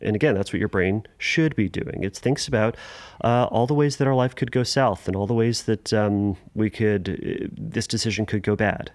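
A man hosting a solo podcast, talking casually with restarts and fillers and sudden lively jumps in pitch. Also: normal speed, no room sound. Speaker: podcast host.

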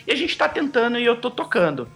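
A young man, telling his story as a guest in an animated, casual way, acting out quoted dialogue. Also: very high voice, fast, soft background music. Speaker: podcast guest.

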